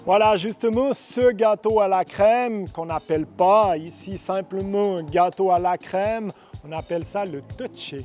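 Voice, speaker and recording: A man's voice: sits high, unhurried, darkish tone. A man hosts an on-location food show. He presents in an effusive, enthusiastic manner, with music playing behind him. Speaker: host presenting regional food producers.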